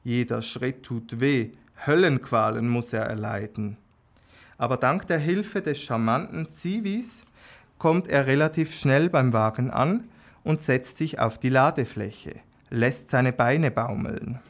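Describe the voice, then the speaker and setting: A man reading an erotic story aloud in a calm, unhurried way, with small slips and restarts. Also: medium pitch. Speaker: narrator.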